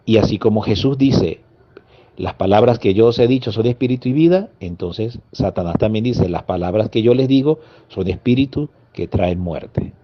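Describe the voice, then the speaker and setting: Low-voiced preacher man, lo-fi sound. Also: a little hiss or hum. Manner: earnest, slow emphatic lists with pauses. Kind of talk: sermon. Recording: dull lo-fi audio.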